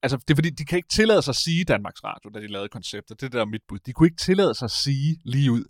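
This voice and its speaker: A man in casual conversation as a podcast host, rambling and animated, often stopping to correct himself. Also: mid-range voice, no echo. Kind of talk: casual chat.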